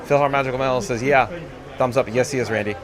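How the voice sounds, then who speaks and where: A man's voice: mid-range voice, fairly even intonation, fast. A man hosting a casual livestream from a theme park, reading out viewer comments and replying to them. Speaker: livestream host. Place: theme park queue, mostly outdoors. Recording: busy crowd around him. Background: chattering crowd.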